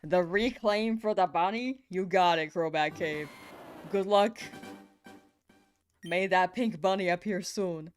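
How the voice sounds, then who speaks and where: Young woman, casual stream chat, giggly, low pitch, soft music behind. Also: slow. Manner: laid-back, giggly, chatting with viewers while hunting in a game.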